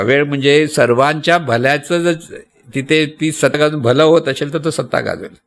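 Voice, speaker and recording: Marathi man giving a patient sermon. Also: medium pitch. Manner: patient, repetitive teaching with rhetorical questions. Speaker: spiritual teacher. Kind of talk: devotional sermon.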